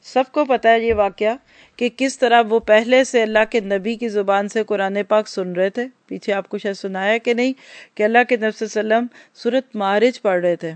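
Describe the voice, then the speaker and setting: A woman gives a religious storytelling lecture at an ordinary, middle pitch. She talks straight to her listeners and asks them questions. The sound is dry and close, with no room echo. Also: steady tone. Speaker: religious teacher.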